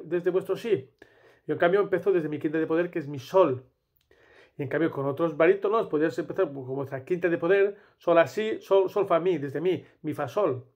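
A man's voice: on the high side, highs cut off. A man from Spain with a Spanish accent, a tenor teaching a casual singing lesson and singing vocal exercises between explanations.

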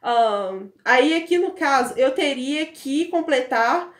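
A woman's voice: sits high, expressive, slow pace. Chatty young woman in echoey room. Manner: chatty, laughs often, many fillers. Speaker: book vlogger. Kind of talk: casual app walkthrough. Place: home room with bookshelves.

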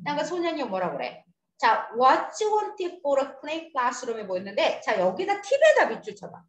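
Woman teacher, high voice, lively up-and-down delivery, quizzing students, echoey classroom. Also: unhurried. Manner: lively, coaxing, drills students with questions. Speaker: English teacher. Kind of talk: classroom lesson.

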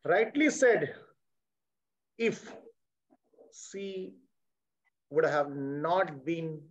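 A man's voice: a little high, expressive, extremely slow. A man moderating an online panel in a formal way, with "uh" fillers. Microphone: video call. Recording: dull lo-fi call audio.

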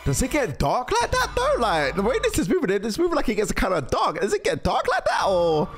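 A young man's voice sits high and moves fairly quickly with huge swings in pitch. As a reaction video host at a desk in a small indoor room, he muses aloud in casual slang into a close, arm-mounted mic while wearing headphones, with music from the cartoon intros he's watching playing behind him.

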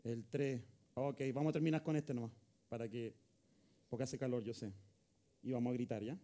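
A man preaching a live sermon in a church hall as pastor, with a Chilean Spanish accent, animated and rising to shouts and rapid questions. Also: medium pitch.

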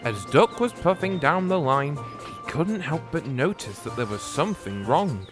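A male storyteller narrates a storybook tale about engines, gently and slowly. His voice sits a little high and moves with plenty of lift. Music plays underneath. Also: big pitch swings.

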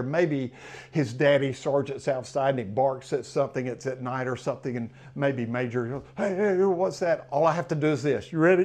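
An older man, talking as a dog trainer in casual, animated advice to camera with big swings in emphasis. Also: medium pitch.

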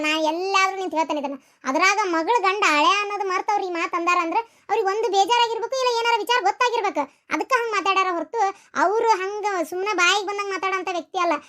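A woman's voice: extremely high pitch, sharp tone. A woman voicing a young married woman in a cartoon who firmly defends her husband, with a North Karnataka Kannada accent. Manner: firm, defensive, earnest. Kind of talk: cartoon voice acting.

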